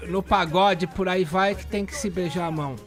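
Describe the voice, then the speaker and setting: High-voiced male co-host, provocative. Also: fairly even intonation, faint music behind. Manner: deliberate, provocative. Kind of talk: pointed interview question.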